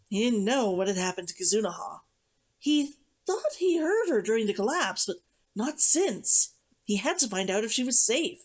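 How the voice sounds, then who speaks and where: Expressive woman narrating a story, lively pitch. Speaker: streamer reading a novel aloud. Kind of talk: audiobook-style story narration.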